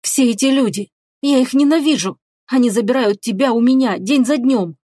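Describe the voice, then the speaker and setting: A woman's voice: on the high side, brisk, darkish tone, dry recording, clean studio sound, natural voice. A woman voicing a fiery, jealous young woman who speaks sharply and indignantly. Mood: anguished.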